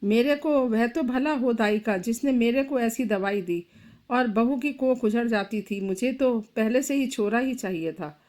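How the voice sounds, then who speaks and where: A woman's voice: a little high, unhurried, darkish tone, close to an everyday voice. Woman voicing a pleading old grandmother. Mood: doting. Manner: pleading, rustic speech. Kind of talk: storybook character voice.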